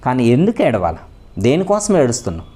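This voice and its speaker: A man voicing a wise, calm male god who teases and gently scolds a weeping warrior. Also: mid-range voice, quick pace. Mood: chiding. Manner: teasing, questioning, gently scolding.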